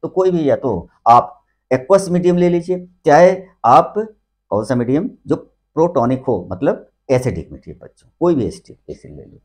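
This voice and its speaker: A man's voice: fairly high pitch, sing-song, moderate pace, a little mellow, breathy edge. Male chemistry teacher lecturing in Hindi. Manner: keeps calling the students "बच्चों"; mixes English terms into Hindi. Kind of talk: classroom lecture.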